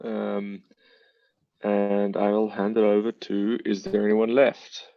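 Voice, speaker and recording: A man's voice: on the low side, monotone, takes it slowly, creaky, dry recording. A man from South Africa, hesitant, introducing himself as an adjudicator on a video call. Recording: dry, dull call audio.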